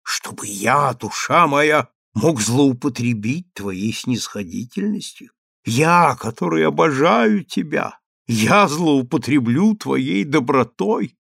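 A man's voice: mid-range voice, expressive, takes it slowly, gravelly, a bit bright, no echo, clean studio sound, heavily acted. A man reading an audiobook, voicing a passionate scheming vizier who pleads in a theatrical, ardent way. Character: passionate scheming middle-aged male vizier.

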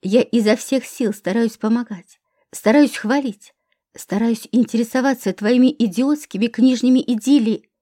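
A woman reading the part of a furious, bitter husband who shouts accusations at his wife in an audiobook. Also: fairly high pitch, normal speed, close to an everyday voice.

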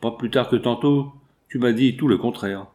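A man's voice: medium pitch, normal speed, darkish tone, natural voice. A man voicing a self-assured Parisian man-about-town, jovial, coaxing and bluff.

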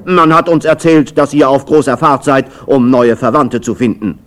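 A man's voice: medium pitch, steady tone, normal speed, pitched above the performer's own voice, natural voice. A man voicing a big drum, a proud fatherly leader of the percussion family, over background music. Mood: boastful. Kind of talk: children's storybook reading. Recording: music playing behind the voice.

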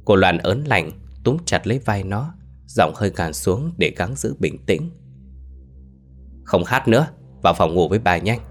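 Deep-voiced man telling a ghost story. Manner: slow, ominous storytelling. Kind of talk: horror story narration.

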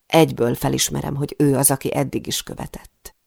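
Gravelly woman reading a thriller. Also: extremely low pitch, little pitch movement, a little mellow, no room sound, clean studio sound. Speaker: audiobook narrator. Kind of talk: first-person novel narration.

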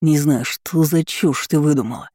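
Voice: normal speed, mellow, no room sound, clean studio sound, close to an everyday voice. A reader voicing a hot-tempered male gangster in an audiobook, growling and icy. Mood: angry. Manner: low growl, icy and clipped. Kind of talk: audiobook character voice.

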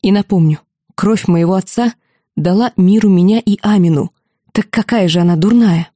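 A woman voicing an angry, proud young woman in a fantasy audiobook, sharp and indignant. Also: mid-range voice, moderate pace, no room sound, studio quality, lightly acted.

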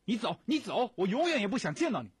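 A raging male prisoner, as a man reads him out bellows his demands in a husky, high-strained voice that swings wildly. The sound is close and dry. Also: sing-song, moderate pace, no echo, heavily acted. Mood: furious shouting. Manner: shouting, menacing demands. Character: furious male prisoner, a former boxer.

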